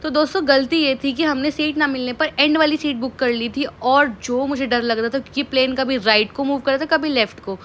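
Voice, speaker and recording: A woman's voice: high voice, fairly even intonation, fairly quick, few pauses, fairly bright tone, slight background noise. A young woman from India narrating a travel vlog in a chatty, playfully complaining way. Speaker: vlogger. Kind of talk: casual travel vlog voice-over.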